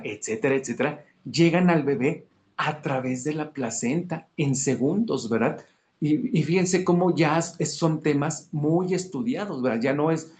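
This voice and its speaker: Halting male lecturer checking in. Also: mid-range voice, a little mellow. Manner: explanatory, repeats "verdad" and "fíjense" to check in with students; halting, restarts sentences often. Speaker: course instructor. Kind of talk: online lecture. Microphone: video call.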